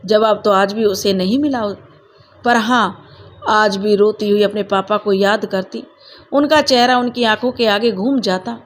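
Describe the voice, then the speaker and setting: A woman's voice: mid-range voice, unhurried, slight background noise. A woman narrating a sad family story in an emotive, dramatic way.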